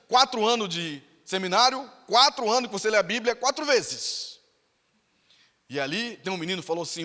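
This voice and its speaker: Brazilian male pastor, high bright voice, emphatic sermon delivery, echoing church hall. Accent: Brazilian Portuguese. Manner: emphatic, repetitive preaching delivery. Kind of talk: sermon with storytelling. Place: church sanctuary.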